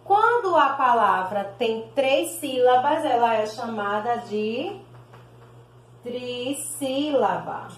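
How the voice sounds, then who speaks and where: A Brazilian woman gives a recorded primary school lesson, drawing out each word syllable by syllable at a very slow pace. Her voice sits a little high, and it rings in an echoey room. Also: animated, a little hiss or hum. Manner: slow, sounds out words syllable by syllable, calls pupils "meus amores". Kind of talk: recorded video class.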